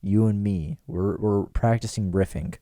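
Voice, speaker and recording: A man's voice: fairly low pitch, a little slow, warm tone, dry recording, studio quality. A man in his twenties hosting a podcast, rambling and riffing in casual joking chat in a small room with pillows dampening the sound. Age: 20s. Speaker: podcast host.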